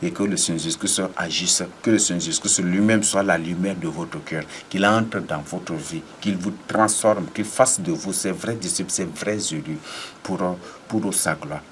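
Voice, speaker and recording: Male preacher, low register, emphatic deliverance sermon with a faint ambient hiss. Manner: commanding, repetitive declarations with sudden emphatic rises.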